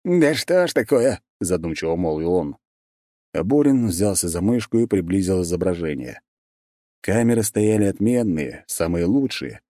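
Male audiobook narrator, low dark voice, lively delivery, dry close sound. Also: normal speed, no echo. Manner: expressive storytelling. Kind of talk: scripted narration.

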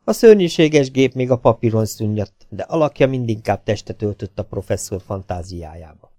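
Dark-voiced man reading an audiobook. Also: on the low side, animated, no room sound, studio quality. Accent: Hungarian. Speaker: audiobook reader. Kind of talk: audiobook narration.

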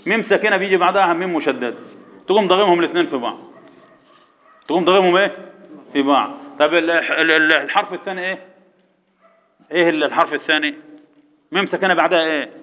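A man with an Egyptian accent teaching Quran recitation rules to a class, firing quick repeated questions at students and chanting verses slowly. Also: fairly high pitch. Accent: Egyptian Arabic. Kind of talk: classroom tajweed lesson. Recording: echoey hall, dull lo-fi sound.

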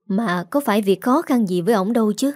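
A woman voicing a sharp-tongued stepmother in her forties in a storybook reading, nagging and scornful. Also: medium pitch, lively intonation, a little fast, dry recording, clean studio sound, close to an everyday voice. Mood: complaining. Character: scolding middle-aged stepmother, sharp-tongued.

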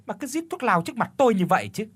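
A man's voice: a little high, animated, normal speed, pushed and bright, voice pushed up. A man voicing a spoiled, cruel pregnant wife who whines and screeches orders. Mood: whiny scolding. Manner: whiny, bossy, screeching.

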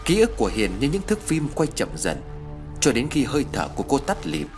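A man's voice: medium pitch, wildly swooping pitch, brisk, music in the background. A man narrating a horror story in a scripted, dramatic storytelling style.

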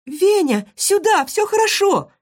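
Excitable little guinea pig girl, squeaky and way up high. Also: measured pace, full character voice. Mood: urgent. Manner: squealing, exclaiming, breathless delivery.

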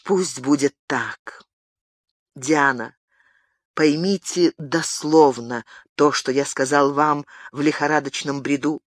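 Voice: medium pitch, fairly bright tone, no echo, studio quality. A reader voicing a tormented young nobleman. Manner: agitated, anguished outbursts. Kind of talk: audiobook character reading.

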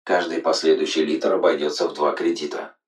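A man voicing a booming metallic robot that makes flat, formal announcements from a motel shower system. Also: fairly quick. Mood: announcing. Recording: roomy echo, voice set far from mic.

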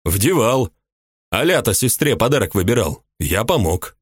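A man voicing a calm soldier captain who answers a scolding in a patient, placating way in an audiobook. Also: fairly low pitch, normal speed, husky, no echo, studio quality.

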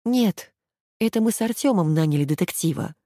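A woman voicing a gentle, timid young woman who speaks softly and placatingly. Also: fairly low pitch, lively intonation, brisk, dry recording, clean studio sound, voice pushed up, close to an everyday voice. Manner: soft, placating.

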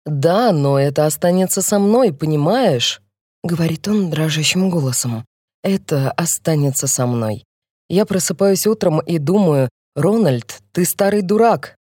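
A woman voicing a dejected elderly man, a retired finance director, speaking slowly with a trembling, downcast voice. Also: sits low, expressive, mellow, husky, no room sound, studio quality, full character voice. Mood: tearful.

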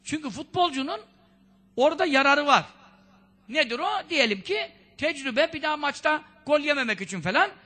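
This conversational sermon comes from a preacher whose voice is strikingly high and ringing, with an animated delivery, normal speed, and a sharp tone. He rebukes listeners through repeated rhetorical questions and drops in Arabic sayings as he goes.

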